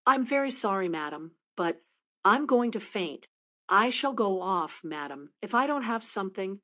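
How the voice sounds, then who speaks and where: A woman voicing a poor, shy young woman, desperate and faint, who speaks in a soft, hushed, pleading way in a storybook reading. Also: mid-range voice, animated, natural voice.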